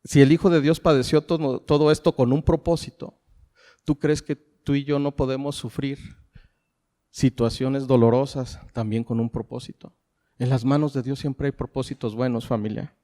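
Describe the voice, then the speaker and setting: Mexican pastor preaching in a reverberant hall. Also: male voice, mid-range voice, fairly even intonation, moderate pace, warm tone. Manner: preaching with rhetorical questions, calls the congregation "familia". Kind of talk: sermon.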